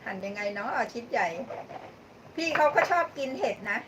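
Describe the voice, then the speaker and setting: A woman's voice: a little high, lively intonation, brisk. A woman hosting a live-stream cooking show, chatting casually with viewers as she cooks, thanking them by name and laughing often. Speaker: livestream cooking host. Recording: distant mic with clear background noise.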